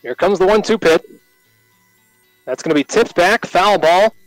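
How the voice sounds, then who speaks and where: A man with an American accent calling live baseball play-by-play on the radio in short, measured announcer phrases. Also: high-pitched, no echo, faint music behind, poor audio.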